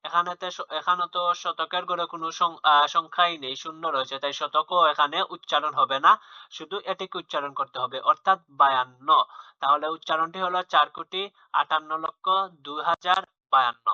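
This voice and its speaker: A man's voice: a little high, steady tone, brisk, bright, forceful tone, no room sound. A man teaching young children a maths lesson, explaining patiently and repeating himself, with fillers and restarts. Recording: dull lo-fi home recording.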